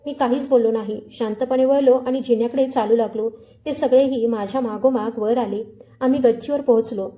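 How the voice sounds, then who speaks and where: A woman narrates a scripted suspense story in the first person. Her voice sits a little high but sounds very dark and mellow. She keeps a measured, dramatic storytelling pace throughout.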